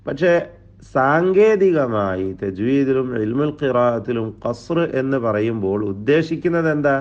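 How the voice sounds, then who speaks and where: A man teaching a recitation lesson, explaining terms slowly and drawing out the recited words. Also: mid-range voice, lively intonation, muffled recording. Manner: slow, deliberate explaining with drawn-out recited terms. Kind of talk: tajweed lesson lecture.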